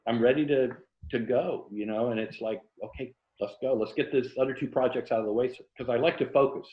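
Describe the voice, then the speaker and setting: An older American man from Tampa, Florida, speaks at a medium pitch and a fairly quick pace as an author being interviewed about his craft. He thinks aloud in a casual, conversational literary chat. The audio is muffled and echoey, as if recorded in a reverberant room.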